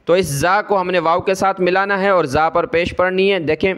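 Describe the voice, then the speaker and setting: A man with a Pakistani Urdu accent giving a Quran reading lesson, explaining quickly and then drawing out each letter sound slowly. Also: high voice, steady tone, fairly bright tone, smooth. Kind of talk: spoken lesson, spelling out Arabic letters.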